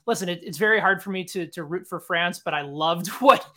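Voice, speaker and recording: A man's voice: high-pitched, brisk, pushed and bright. A man hosting a sports talk show, asking long conversational questions with plenty of fillers. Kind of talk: interview questions.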